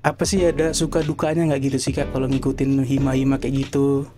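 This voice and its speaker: Very low-voiced woman hosting. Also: little pitch movement, fast talker, music in the background. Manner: agrees repeatedly, echoes the guest. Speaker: podcast host. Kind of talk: casual interview chat.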